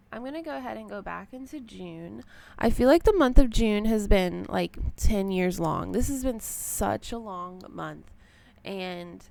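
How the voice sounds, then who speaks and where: Young woman, gravelly fry, just-woke-up scratchy voice, casual rambling vlog talk. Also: medium pitch. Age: young adult. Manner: rambling, with many ums and likes. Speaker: personal finance vlogger. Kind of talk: casual budgeting walkthrough.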